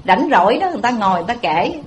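A woman's voice: a little high, big pitch swings, rapid-fire, slight background noise, poor audio. A woman with a Southern Vietnamese accent giving a Buddhist dharma talk, telling a folksy story and addressing listeners directly. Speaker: Buddhist preacher.

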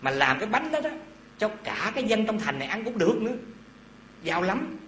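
A man voicing a rich miser's generous wife, making quick coaxing offers. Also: sits high, very animated, a bit bright, a little hiss or hum, pitched above the performer's own voice. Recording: echoey hall with faint ambience.

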